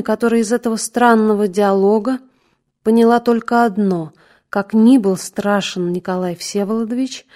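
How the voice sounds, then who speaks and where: A woman's voice: on the high side, mellow. A woman narrating a literary novel as an audiobook reader. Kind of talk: scripted narration.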